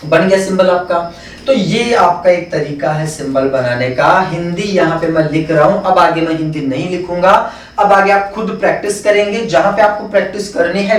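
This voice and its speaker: A man teaching an exam-prep phonetics lesson with an Indian English accent, explaining step by step and answering his own questions. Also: high-pitched. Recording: echoey room, mic far off.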